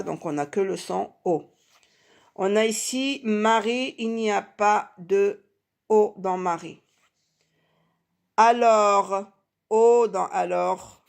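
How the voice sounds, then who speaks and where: A woman walks young children through a reading exercise, breaking each word into syllables with slow, careful emphasis. Her pitch sits mid-range, and she repeats words over and over so nothing is missed. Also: creaky, darkish tone. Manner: patient, repeats words often. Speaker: teacher. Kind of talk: early reading lesson for children.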